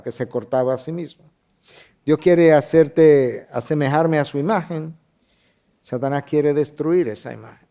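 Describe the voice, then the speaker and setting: A man, a pastor teaching a Bible class, who swings from loud, lifted declarations to hushed lines and acts out the people in the passages he reads. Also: medium pitch. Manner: expository preaching with dramatic swings from loud to hushed; voices the Bible characters he quotes.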